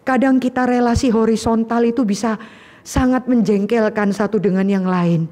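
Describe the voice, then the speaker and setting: A woman preacher giving a sermon, telling the story in a lively way with casual slang and acting out the voices of the people in it. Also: fairly high pitch, normal speed, big-room sound.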